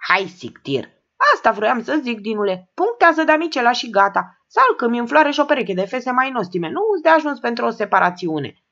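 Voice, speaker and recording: A woman voicing a loud, pushy, excitable man who bursts out in an audiobook reading, on a dull lo-fi recording. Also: fairly high pitch, voice pushed up, heavily acted. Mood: blustering. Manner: explosive, shouty bursts. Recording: dull lo-fi sound.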